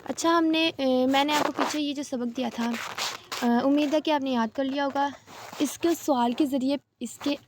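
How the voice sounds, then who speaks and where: A woman teaching a reading lesson step by step, patient and slow, repeating each rule. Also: high voice, steady tone, background noise. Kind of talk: step-by-step Arabic letters lesson.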